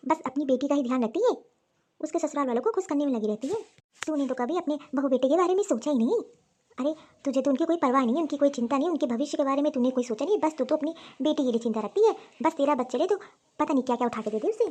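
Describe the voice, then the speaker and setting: A woman's voice: high-pitched, lively intonation, fast talker, mellow. A woman voicing a stern, proud elderly grandmother-in-law in a cartoon story who scolds and lectures her family. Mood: lecturing.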